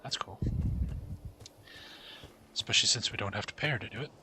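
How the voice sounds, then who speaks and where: A male streamer giving casual commentary on a fantasy role-playing game, reading game text aloud in a relaxed way. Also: lowish voice, brisk, in a whisper.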